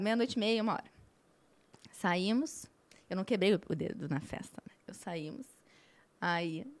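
A woman, a flight attendant, telling a story in a lively, casual way, often repeating words for effect. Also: mid-range voice.

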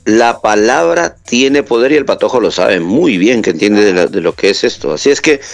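A man's voice: on the low side, animated, moderate pace, vocal fry, soft background music. A man on a radio show panel, wisecracking and chiming in during casual banter. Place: radio studio.

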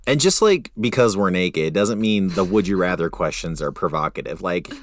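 A man's voice: low voice, animated, normal speed, dry recording. A young man co-hosting a podcast, joking around and rambling with hesitant fillers. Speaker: podcast co-host. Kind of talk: casual chat.

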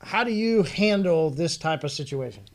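A man's voice: fairly high pitch, expressive, moderate pace. A man in his forties hosting a casual interview, rambling through his questions and laughing often. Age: 40s. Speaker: podcast host.

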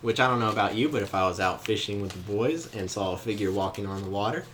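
Low-voiced young man leading Bible study. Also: quick pace, slight background noise. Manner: joking, animated storytelling with laughs. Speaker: youth Bible study leader. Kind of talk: casual teaching.

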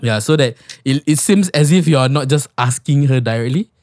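A man's voice: medium pitch, fairly quick, darkish tone, dry recording, clean studio sound. A young Singaporean man chatting casually on a podcast in colloquial Singlish, with particles like lah and ah and often repeated words.

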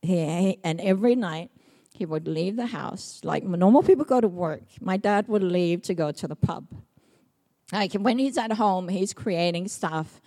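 A middle-aged woman from Samoa giving a personal testimony sermon, telling stories in a lively way and acting out quoted speech. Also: fairly low pitch, a little slow. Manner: lively storytelling, acts out quotes, laughs often. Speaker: preacher.

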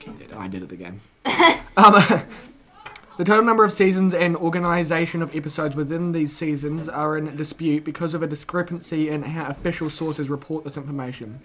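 A man's voice: on the high side, a little fast, fairly bright tone. A teenage boy, casually reading facts aloud as a co-host, goofy and often stumbling over words.

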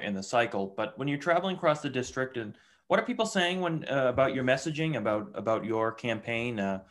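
A man hosting an interview, asking long rambling questions with many restarts. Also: medium pitch. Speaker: podcast host. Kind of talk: conversational interview.

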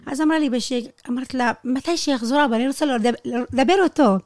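Animated woman with Hebrew. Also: high-pitched, no echo. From Negev, Israel. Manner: animated, acts out quoted dialogue, non-native Hebrew grammar slips. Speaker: interviewee, Bedouin tour guide. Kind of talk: personal storytelling in conversation.

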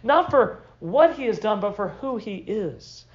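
A man's voice: high-pitched, very animated, unhurried, lo-fi sound. A young man preaching a sermon as pastor, earnest and emphatic, repeating short phrases for weight.

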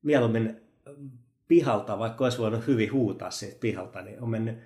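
A man from Helsinki who co-hosts a podcast, recalling his childhood in reflective, soft-spoken casual chat. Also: fairly low pitch, reverberant. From Helsinki, Finland. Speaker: podcast co-host.

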